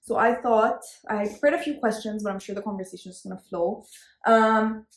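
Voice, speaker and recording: With a mid-range voice and a fairly quick pace, this young adult woman hosts a casual-chat podcast. She's upbeat and chatty, uses many fillers, and the recording has a roomy echo.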